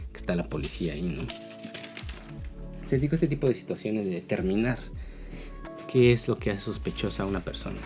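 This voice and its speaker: A video blogger with a Mexican accent and a low-pitched voice gives a casual opinion talk, explaining his views and often checking in with tag questions.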